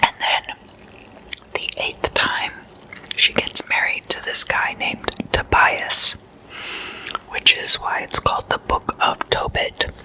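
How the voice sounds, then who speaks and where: An ASMR host softly repeats words while casually telling stories, whispering breathily and without voice close to the microphone. The pace is slow and the audio quality poor.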